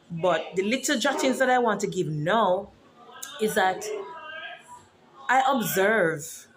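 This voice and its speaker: A woman's voice: on the low side, background noise. A woman from Jamaica with a Jamaican accent, a teacher and author talking casually to camera and explaining words like a lesson. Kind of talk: casual vlog.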